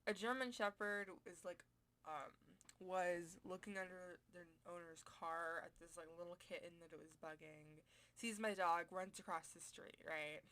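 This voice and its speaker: A woman's voice: fairly low pitch, fairly even intonation, measured pace, a bit bright. A teenage girl telling a rambling personal story with many fillers, as a voice-over for a building video. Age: teens. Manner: rambling, many likes and you knows. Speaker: vlogger.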